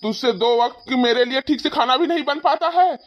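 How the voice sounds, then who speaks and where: A woman's voice: high-pitched, a little fast, lo-fi sound, voice pushed down, lightly acted. A woman voicing a grumpy old father-in-law in a cartoon story who grumbles about food. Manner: grumbling, complaining.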